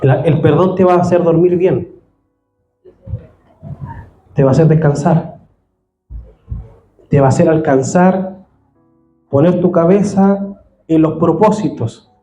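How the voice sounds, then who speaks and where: A pastor preaches in an earnest way, and his appeals grow fervent as he builds. His voice sits high but sounds mellow, and it echoes around a roomy church hall. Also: a little slow, long pauses, soft background music. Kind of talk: sermon.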